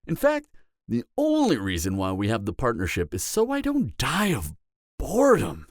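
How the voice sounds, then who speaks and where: With a mid-range voice whose pitch swoops wildly, a man voices a smug, seductive vampire in an audio roleplay: an adult male, cocky, flirtatious, dangerous, and a former killer. He teases the listener in a drawl broken by dramatic pauses, captured in a dry, studio-quality recording.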